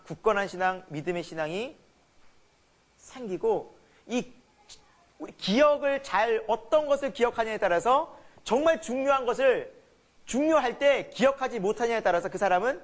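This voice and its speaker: A male pastor preaching a sermon, asking the congregation questions and answering them himself. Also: sits high.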